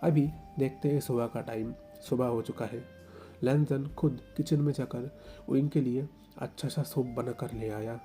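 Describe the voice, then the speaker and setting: Dark-voiced man telling a romance story. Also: medium pitch, fairly even intonation, moderate pace, soft background music. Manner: emotional, voicing both characters himself. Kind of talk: dramatic story narration with acted dialogue.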